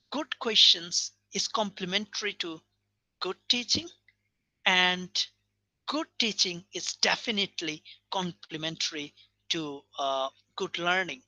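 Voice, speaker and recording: A man's voice: high-pitched, pushed and bright, dry recording, low-quality recording. A man from Bangladesh, giving an earnest, explanatory video lecture on teaching and often checking in with his listeners.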